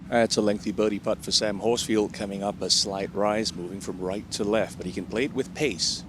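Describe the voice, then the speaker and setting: A man's voice: lowish voice, steady tone, moderate pace. A man giving descriptive golf commentary as a commentator. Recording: clear outdoor background noise.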